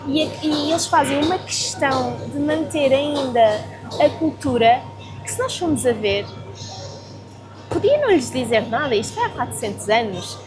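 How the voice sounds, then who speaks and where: A young woman with a European Portuguese accent, telling a travel story to camera in an excited, expressive way, acting out the dialogue she quotes. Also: sits high, normal speed, over music. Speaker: travel vlogger. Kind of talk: casual vlog talk to camera.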